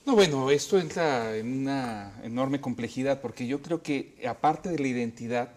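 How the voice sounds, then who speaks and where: Male panelist, mellow and reflective. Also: medium pitch, normal speed. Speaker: academic panelist. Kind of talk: panel discussion.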